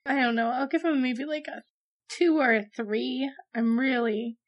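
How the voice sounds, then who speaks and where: A woman with a Midwestern American accent chats casually as a podcast co-host. Her voice is a touch high, and she drops short, dry quips. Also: fairly even intonation, a little slow, lo-fi sound. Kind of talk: casual chat.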